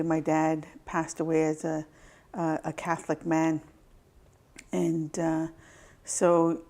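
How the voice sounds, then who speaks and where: Gentle woman guest, deep and mellow, thoughtful pauses. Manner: thoughtful, gentle, pausing to find words. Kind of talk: reflective interview answers.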